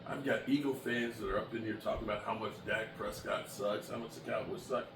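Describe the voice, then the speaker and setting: A man's voice: lowish voice, steady tone, a little fast. Blunt man in his late fifties, roomy. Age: 50s. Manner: blunt, emphatic, heartfelt. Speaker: sports vlogger. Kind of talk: casual chat to camera. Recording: echoey room from a distance with background noise.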